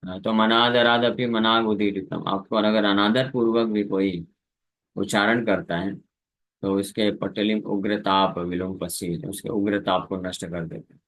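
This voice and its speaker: A man's voice: low voice, fairly even intonation. A man preaching a scripture lecture, explaining Sanskrit verses in Hindi with English words mixed in and sometimes singing the verses. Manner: sings verses slowly between spoken explanation.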